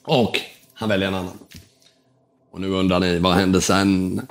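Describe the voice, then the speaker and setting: A man with a fairly low voice telling an animated story as a guest in a casual interview. He acts out the dialogue and drops English words into his talk. His tone is relaxed, and he swears now and then. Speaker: entrepreneur guest.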